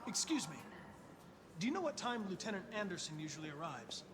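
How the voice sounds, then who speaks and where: An actor playing a polite, composed android detective who speaks in an even, formal way, heard through game audio with ambient noise. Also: male voice, sits high, fairly quick, a crowd in the background.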